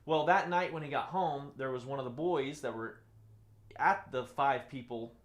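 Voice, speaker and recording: A man teaching a live-streamed lesson, repeating key phrases and moving between loud excited bursts and soft, low delivery. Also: normal speed. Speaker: presenter teaching webinar skills. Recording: roomy echo.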